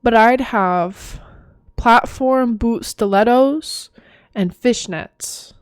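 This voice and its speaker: A woman's voice: on the high side, drawn-out words, smooth, no echo, clean studio sound. Tired giggly young woman vlogger. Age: young adult. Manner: giggly, self-mocking. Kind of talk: casual chat doing a quiz.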